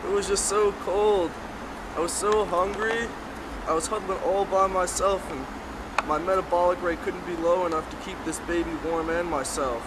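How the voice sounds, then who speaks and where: A woman's voice: on the low side, steady tone, moderate pace, lightly acted. A woman voicing a miserable lone male emperor penguin who whines and pities himself. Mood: self-pitying. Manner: whiny, self-pitying and mopey. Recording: loud noisy outdoor background.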